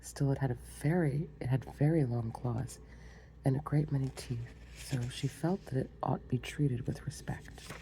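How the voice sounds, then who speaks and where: A woman reading a storybook aloud in a soft, close, unhurried ASMR manner as whispered role-play, with small spoken asides. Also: very deep voice, slight background noise, low-quality recording. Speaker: ASMR reader.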